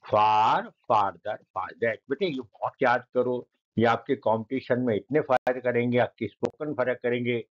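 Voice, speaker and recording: A man teaching a grammar lesson, who keeps calling his students "beta" and repeats and spells out each word slowly. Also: mid-range voice, highs cut off.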